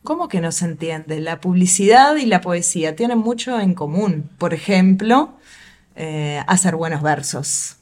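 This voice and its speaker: A woman's voice: lowish voice, lively intonation, a little slow, a little mellow. A woman presenting a short segment, explaining in a playful way. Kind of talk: scripted segment with banter.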